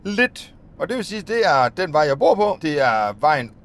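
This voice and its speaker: Filming from a dashboard phone or dashcam in his minibus, a middle-aged Danish bus driver rambles through a casual driving vlog. His voice sits on the high side, fairly bright, with big swings in pitch.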